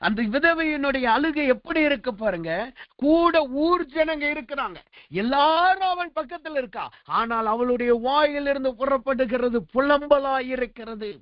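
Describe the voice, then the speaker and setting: High-voiced preaching man, dull lo-fi sound. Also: unhurried, no echo. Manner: rhetorical questions, repetitive preaching cadence. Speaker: pastor. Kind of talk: sermon.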